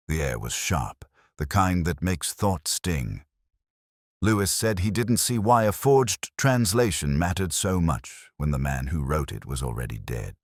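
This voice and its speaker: A man acting a middle-aged police inspector with an extremely deep voice, recorded close and dry. He narrates a detective drama in measured, melancholy, literary sentences, brooding and erudite, with lively rises and falls in pitch. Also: no echo, heavily acted. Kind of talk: scripted first-person detective narration.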